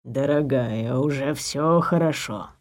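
A woman voicing a cautious middle-aged stepfather who murmurs in a low, hushed way in an audiobook. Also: slow. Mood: tense hushed. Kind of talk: audiobook character voice.

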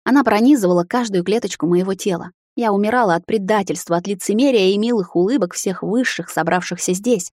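A woman's voice: medium pitch, a little fast, few pauses, a little mellow, dry recording, studio quality. A woman reading a romance fantasy novel aloud in a dramatic first-person narration. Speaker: audiobook narrator. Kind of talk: scripted narration.

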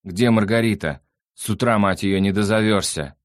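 A man voicing a spoiled, lazy young man who talks in loud street slang. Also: lowish voice, normal speed, dry recording, studio quality, pitched above the performer's own voice, lightly acted. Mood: boastful.

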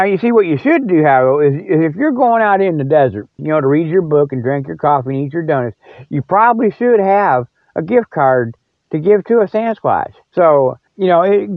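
This older American man hosts a podcast on his own, his slightly high voice sing-song at a normal speed. The chat rambles casually with folksy jokes and lots of chuckles, and the dull lo-fi audio has no room sound.

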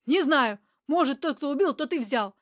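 A woman reading an audiobook, voicing a rough, hot-tempered man who shouts and talks coarsely. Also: high-pitched, lively intonation, normal speed, dry recording, studio quality. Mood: gruff. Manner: shouting, coarse street talk.

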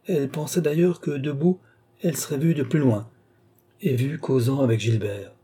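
A man narrating a classic novel as an audiobook, with measured, expressive reading. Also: medium pitch, slightly rough.

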